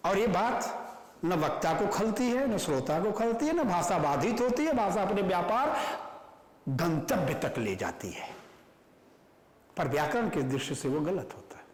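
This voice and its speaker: A man teaching Hindi grammar in an online class, lively and animated, stressing words in his examples. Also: high voice, a little slow. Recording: echoey room with long reverb.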